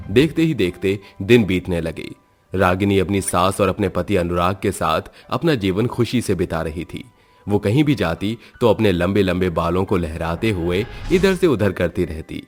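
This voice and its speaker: A man narrating a storybook cartoon in a steady, scripted way. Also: deep voice, normal speed, soft background music.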